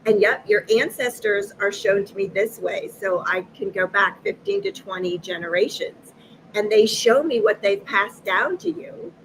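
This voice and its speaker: A woman in her fifties from Massachusetts, a guest on a live video chat, telling stories with lively acted-out dialogue and frequent laughter. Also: medium pitch, normal speed, a little hiss or hum, rough recording. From Massachusetts, USA. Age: 50s. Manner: lively, acts out quoted dialogue, laughs often. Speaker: guest, energy healer. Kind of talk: animated storytelling in a live chat.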